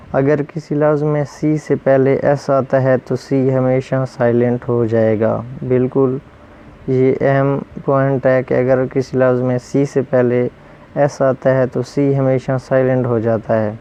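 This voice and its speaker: Calm man explaining pronunciation, dull recording. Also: medium pitch, clean tone. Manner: repeats each rule and word slowly with a translation. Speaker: English teacher.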